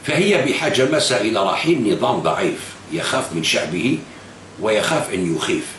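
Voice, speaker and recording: A man's voice: fairly low pitch, animated, a little fast, fairly bright tone. A man with an Algerian Arabic accent, delivering political commentary straight to camera, slipping into French and repeating phrases for emphasis. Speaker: political video blogger. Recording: echoey room with faint hiss.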